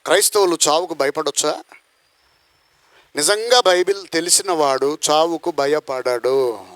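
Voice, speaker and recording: Bright-voiced preacher man, high and dry. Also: a little slow, no echo. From India. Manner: rhetorical questions, acts out quoted voices, bursts into song. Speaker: pastor. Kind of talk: sermon.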